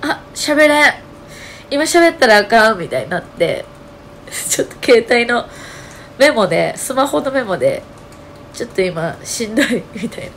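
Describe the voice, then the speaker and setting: A channel host with a Kansai accent chats through a casual solo vlog, her mid-range voice hoarse, strained and nasal. She tells stories in an animated way, packed with fillers, at a moderate pace over a faint hiss or hum.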